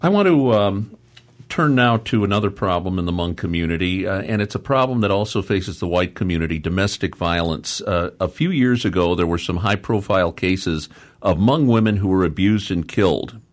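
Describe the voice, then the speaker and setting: A man's voice: sits low, animated, normal speed. A man hosting a public affairs interview, introducing topics and putting questions to guests. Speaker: host.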